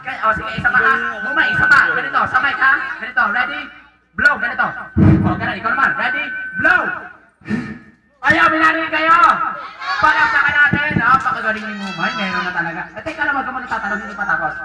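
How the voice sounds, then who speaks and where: A man's voice: very high voice, rapid-fire, heavy background noise. A man working as a clown at a children's birthday party, teasing and joking with a child and laughing often. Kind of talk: hosting a children's party game. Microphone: handheld mic, recorded by a distant camera. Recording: roomy sound from far off.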